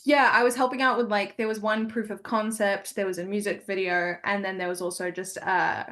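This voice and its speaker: Woman with a New Zealand accent, interview guest, mid-pitched, easygoing and friendly. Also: little pitch movement, fairly quick, a bit bright. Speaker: stunt performer guest. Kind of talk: casual interview.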